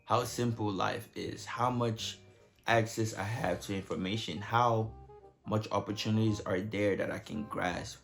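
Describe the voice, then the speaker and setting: A man's voice: fairly low pitch, steady tone, unhurried, creaky, faint music behind. A young man from Nigeria telling his story to camera in a casual, joking, profane way. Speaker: vlogger.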